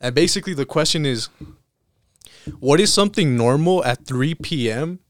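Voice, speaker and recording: A man's voice: a little high, lively intonation, normal speed, no echo, clean studio sound. A young man chatting casually like a frat bro, with lots of slang and swearing. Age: young adult. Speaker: podcast host. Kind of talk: casual chat.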